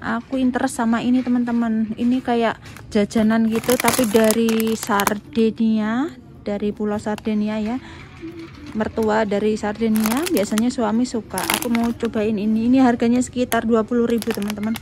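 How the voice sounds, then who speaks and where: This family vlogger's fairly high voice barely moves in pitch as she chats at a normal pace about her shopping trip, treating viewers as friends. Filmed handheld at arm's length, the clip carries background noise and goes from roads and car parks outdoors to inside a supermarket.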